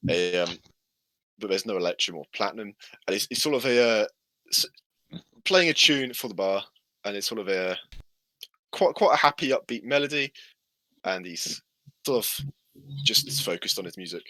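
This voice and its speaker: A man's voice: fairly low pitch, expressive, moderate pace, pauses often, sharp tone, dry recording. A man narrating a tabletop game as game master, hesitant and full of fillers.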